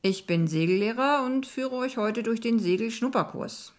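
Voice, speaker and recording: A woman's voice: on the high side, normal speed, pitched above the performer's own voice, natural voice. A woman voicing a friendly male sailing instructor in an audiobook, speaking upbeat and polite with a flirtatious edge. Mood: welcoming.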